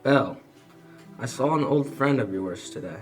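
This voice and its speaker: A man playing an easygoing husband, conversational and measured, in an old-time radio drama. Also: mid-range voice, lively intonation, faint music behind, natural voice. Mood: mild, musing. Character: easygoing husband sharing news with his wife.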